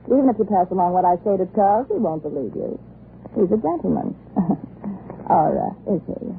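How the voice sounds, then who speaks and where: A woman's voice: mid-range voice, lively intonation, normal speed, vocal fry. A brazen young Hollywood actress in an old radio drama. She taunts and wisecracks in a slangy drawl. The sound is thin and phone-like, with a faint hiss beneath it. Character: brash, scheming young Hollywood actress, woman. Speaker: fading Hollywood film actress. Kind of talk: 1940s radio acting. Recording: thin, hissy vintage radio broadcast.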